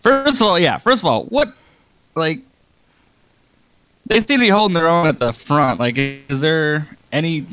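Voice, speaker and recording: A man playing a tabletop game over a video call, his audio cutting out from a bad connection, talking in halting starts and restarts. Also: a little high, animated, bright, forceful tone, a little hiss or hum. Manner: halting, restarts often, clears throat. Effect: choppy audio cutting out from a bad internet connection. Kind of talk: casual online game session.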